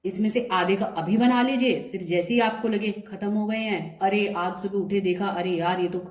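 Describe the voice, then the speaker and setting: A woman's voice: mid-range voice, steady tone, normal speed. A woman with a slightly sore throat, explaining a home recipe step by step in a chatty, friendly tutorial. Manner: chatty, explains step by step, mixes in English words. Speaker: cooking video host. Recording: echoey room.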